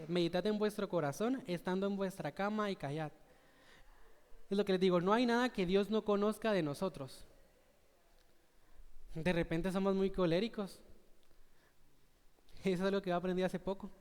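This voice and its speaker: A man's voice: high voice, darkish tone, clean tone. A young adult man with a Guatemalan Spanish accent, preaching a sermon in an earnest, conversational way and often checking in with the congregation. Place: church sanctuary. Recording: church hall reverb.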